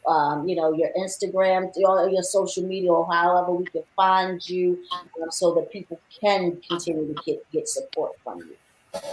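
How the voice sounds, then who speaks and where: Woman host, fairly low voice, earnest rambling storytelling, echoey room sound. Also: fairly even intonation, normal speed, slight background noise. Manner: heartfelt, repetitive storytelling with many "you know"s. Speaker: show host. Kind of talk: panel talk show discussion. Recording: roomy echo.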